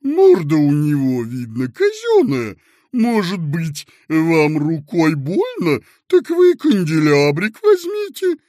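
A man voicing a short plump official who swings between shouting and sugary self-pity. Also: fairly high pitch, huge pitch swings, slow, dry recording, clean studio sound, pitched above the performer's own voice, full character voice. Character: short plump official, blustering then servile.

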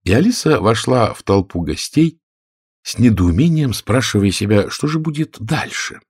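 A man's voice: mid-range voice, moderate pace, husky, no echo, studio quality. A man reading a fairy tale as an audiobook narrator, telling it expressively. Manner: expressive, lively storytelling. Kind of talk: scripted storybook narration.

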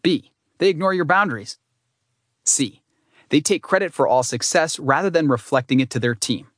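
A man's voice: a little high, moderate pace, a bit bright, dry recording. A man reading nonfiction narration with dry, wry humor. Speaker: audiobook narrator.

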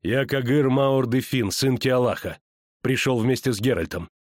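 A man voicing a calm young male knight who speaks softly and with steady resolve. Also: no room sound, studio quality, lightly acted. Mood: gentle. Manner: soft, measured, low delivery.

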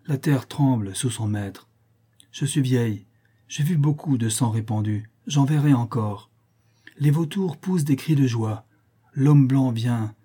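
A man voicing a shrivelled ancient witch who chants her prophecies slowly in a thin, high voice. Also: dark tone, breathy edge. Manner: slow incantatory prophesying.

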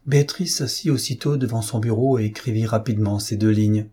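A man reading a classic novel aloud as an audiobook, in a measured, composed way. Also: on the low side, dark tone, slightly rough. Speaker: narrator.

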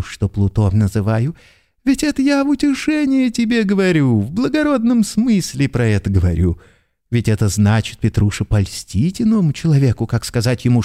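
A man voicing a jittery middle-aged clerk in a radio drama, his pitch leaping up and down as he coaxes and scolds. He talks in agitated bursts and slides from wheedling into outraged name-calling. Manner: agitated, pleading, bursts into shouting abuse. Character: nervous, excitable middle-aged male clerk.

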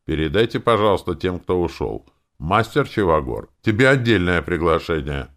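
A man narrating an audiobook, lively and gravelly, raising his voice for the characters' lines. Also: normal speed. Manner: lively, raises pitch for quoted speech.

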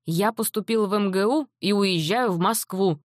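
A woman's voice: medium pitch, moderate pace, no echo, clean studio sound, lightly acted. A woman reading an audiobook, voicing a defiant young man, the older brother, firm and plain.

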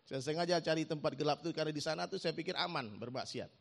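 A man preaching a lively storytelling sermon, giving his own testimony and acting out the dialogue while joking with the audience. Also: on the high side, quick pace, gravelly.

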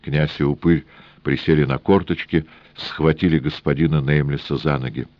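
A man reading an audiobook in a measured, even storytelling manner. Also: rumbling low, dry recording, lo-fi sound. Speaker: audiobook reader. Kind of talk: scripted audiobook narration.

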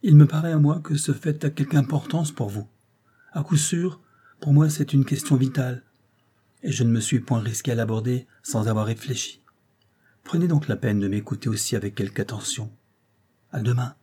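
A man playing a calm, commanding young man declaring his love in earnest, authoritative tones. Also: mid-range voice, moderate pace, slightly rough, voice pushed up, lightly acted.

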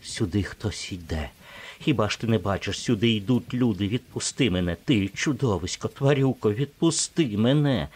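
A man voicing a proud, sharp-tongued young woman in an audiobook, speaking in a hushed, tense way. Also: lowish voice, moderate pace, husky. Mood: hushed pleading.

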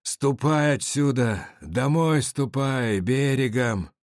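A man's voice: mid-range voice, expressive, slow pace, no room sound, clean studio sound. A man voicing a drunk, clowning middle-aged peasant who talks in a boisterous, slurring way. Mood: gruff.

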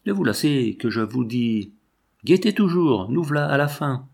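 A man voicing a cold, implacable male shepherd sorcerer, speaking in a stony, insistent monotone. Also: mid-range voice, normal speed, creaky. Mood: commanding.

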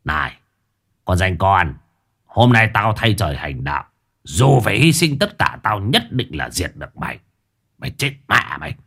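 A man voicing a gruff, brash, bald old exorcist who speaks bluntly in a low voice. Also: big pitch swings, moderate pace, fairly bright tone, exaggerated voice. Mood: defiant.

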